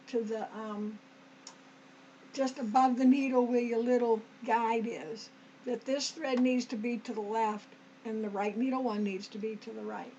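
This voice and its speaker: A woman with a slightly high voice leads a relaxed sewing lesson, talking to her viewers as if they sew alongside her. Her throat is a little dry. The recording sounds a bit dull, with faint room noise behind her. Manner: homey, talks to viewers as "us", frequent okays and restarts. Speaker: sewing tutorial host. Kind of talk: chatty step-by-step sewing demonstration.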